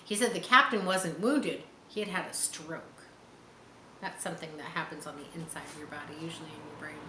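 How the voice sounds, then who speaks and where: A storyteller in her forties reads a children's book with dramatic flair and explanatory asides for young listeners, her voice low-pitched and a little fast. The scene is a bright room by large windows, recorded by a camera a short distance away, sounding roomy with some background noise.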